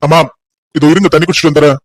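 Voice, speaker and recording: A mild young man asks his questions in a flat, even tone, as a woman voices him for a cartoon story. He talks fast and sounds close and dry. He stays unbothered throughout. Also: low voice, no echo, voice pushed down, low-quality recording. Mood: easygoing. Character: young adult man, grown son, calm and easygoing.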